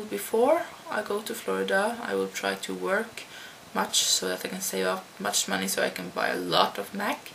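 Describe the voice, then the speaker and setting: A Dutch-born teenage girl answers tag questions to her computer webcam at home, speaking slowly with many halting restarts. Her voice is mid-range and gravelly, captured in a low-quality recording over the faint hum of a computer fan.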